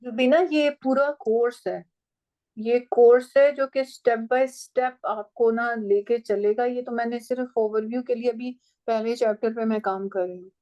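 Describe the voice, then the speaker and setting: A woman's voice: on the high side, fairly even intonation, measured pace, mellow, highs cut off. A woman teaching a writing and language class, explaining step by step and checking that her students follow.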